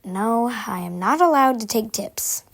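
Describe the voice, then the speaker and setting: A woman's voice: fairly high pitch, expressive, a little slow, gravelly, exaggerated voice. Woman voicing a prim, gossipy cartoon busybody. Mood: gossipy, confiding. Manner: confiding gossip, formal and prim phrasing. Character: prim, gossipy, busy train-supplier character, aloof and confiding. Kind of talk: scripted character monologue.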